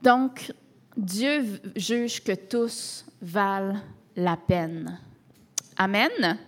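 Québécois woman pastor, conversational sermon, rhetorical questions, mid-pitched. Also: drawn-out words. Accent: Québécois French. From Canada. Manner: conversational preaching with rhetorical questions and frequent tags like "hein" and "là".

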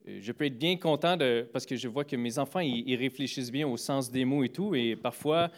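Talking a little fast at a medium pitch, a man chats casually through stories about greetings and being polite. Fillers and restarts make him sound hesitant, though he's animated too, his voice jumping for the phrases he quotes.

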